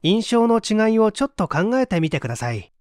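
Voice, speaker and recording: An audiobook narrator reads a nonfiction book, laying out its points one by one at a fairly quick pace. The scripted reading is crisply articulated, with lively pitch swings, recorded close and dry with no room sound.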